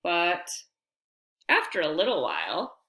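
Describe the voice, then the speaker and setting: A woman with a lowish voice reads a picture book to young children, and the recording has a roomy sound. Her delivery is expressive and deliberate, sprinkled with friendly asides.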